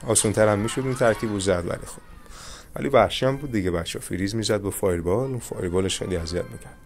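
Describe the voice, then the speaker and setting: A young man commentating his own mobile game match, calmly coaching viewers through each move. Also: lowish voice, soft background music. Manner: coaching viewers, calm reassurance. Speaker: gaming channel host. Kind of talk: live gameplay commentary with tips.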